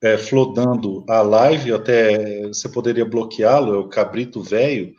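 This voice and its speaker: A man's voice: on the low side, steady tone, measured pace, a little mellow. Combative Brazilian man on a lo-fi stream. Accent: Brazilian Portuguese. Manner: combative, blunt, swears at viewers. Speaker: lawyer, live stream guest. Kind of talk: heated political live chat.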